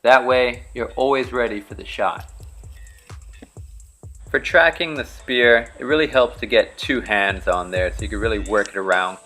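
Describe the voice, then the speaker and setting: A young Bahamian man, a charter fishing captain, giving relaxed step-by-step spearfishing instructions in a vlog. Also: mid-range voice, normal speed, soft background music. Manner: relaxed, practical, step-by-step explaining.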